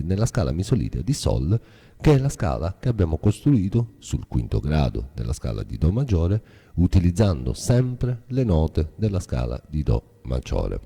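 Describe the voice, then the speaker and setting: A man's voice: low-pitched, dark tone, slightly rough, long reverb tail. A man teaching music theory as a guitar teacher, explaining step by step in a patient, methodical way.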